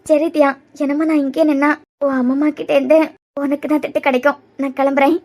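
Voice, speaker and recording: A woman's voice: sits high, level tone, fast, darkish tone. A woman voicing a remorseful, lonely young woman in a cartoon, with a Kanyakumari Tamil accent and a pleading, confessional way of talking.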